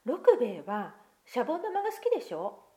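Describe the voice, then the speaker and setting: A woman reading aloud as a kind young schoolgirl, speaking softly and coaxingly in a higher voice. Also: huge pitch swings, brisk. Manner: soft coaxing.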